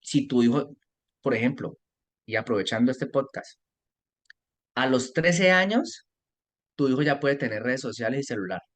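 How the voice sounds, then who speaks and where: A Colombian man in his forties chats freely on a podcast, his voice sitting at an ordinary middle pitch. He talks at length as a parenting mentor, with lively storytelling and frequent restarts. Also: normal speed, long pauses. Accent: Colombian Spanish. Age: 40s. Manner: talkative, animated storytelling with restarts. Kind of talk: casual podcast conversation.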